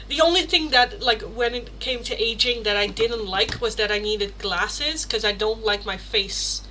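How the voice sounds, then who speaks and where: A woman's voice: on the high side, unhurried, sharp tone, slight background noise, poor audio. Chatty, laughing woman in her thirties. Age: 30s. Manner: chatty and self-mocking, laughs often, swears casually. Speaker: tarot livestream host. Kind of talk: casual live-stream chat answering viewer questions.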